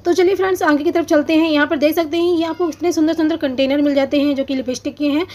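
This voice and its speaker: Strolling through an open-air street market, a female shopping vlogger talks chattily about prices, hesitating often. She's high-pitched and fast, with fairly even intonation and a darkish tone, filming the goods on a handheld phone.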